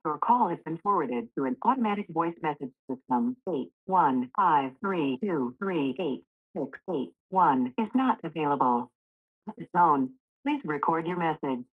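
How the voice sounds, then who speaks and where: A woman's voice: sits low, breathy edge. Automated woman's voice over a landline phone. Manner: flat, measured prompts. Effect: heard over a landline phone. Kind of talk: automated system announcement. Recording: tinny phone line.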